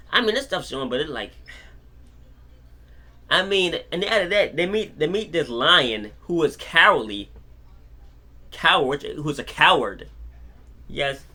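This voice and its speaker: A man's fairly high-pitched voice carries an improvised, casual review of a film. He gets excitable and wanders, often saying words twice as he describes scenes.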